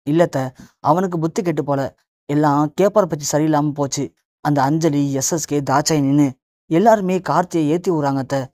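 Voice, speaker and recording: A calm young daughter-in-law from a retold TV serial soothes and reassures, read out by the narrator. The tone is mellow and warm. The sound is dry and close. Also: mid-range voice, fairly quick, dry recording, natural voice. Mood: explaining.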